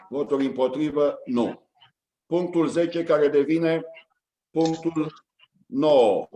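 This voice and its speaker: A man chairing a county council meeting, reading out agenda items and calling votes in a brisk, routine way. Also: a little high, warm tone, poor audio. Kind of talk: formal procedural chairing.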